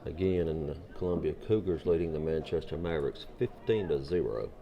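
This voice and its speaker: A man calling baseball play-by-play in a measured, unhurried way. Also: very deep voice, creaky, highs cut off. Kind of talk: live sports commentary. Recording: loud crowd and ballpark noise. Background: crowd and ballpark ambience.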